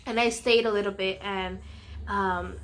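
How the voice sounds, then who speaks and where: A woman's voice: mid-range voice, steady tone, measured pace, a bit bright. Woman rambling through a storytime vlog. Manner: rambling, full of "um" and "you know". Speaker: vlogger telling a personal story.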